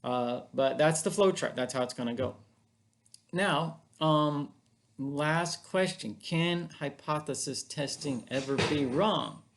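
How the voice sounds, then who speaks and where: A man's voice: a little high, takes it slowly. A man teaching statistics in an informal recorded lecture, talking in a casual, chatty way with fillers and self-corrections, recorded at home on camera.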